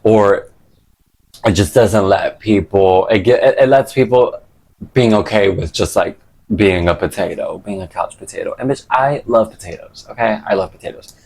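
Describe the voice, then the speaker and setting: A man's voice: lowish voice, normal speed, gravelly, darkish tone, rough recording. A man chatting casually and rambling to camera in an unfiltered, slangy, sweary way. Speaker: vlogger.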